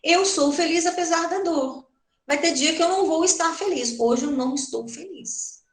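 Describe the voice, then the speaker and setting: A woman's voice: extremely high pitch, normal speed. A middle-aged woman with a Brazilian Portuguese accent gives a doctrinal lecture at a spiritist center. She talks in a conversational way and keeps asking her listeners rhetorical questions. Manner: conversational, asks the audience many rhetorical questions. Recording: roomy hall echo.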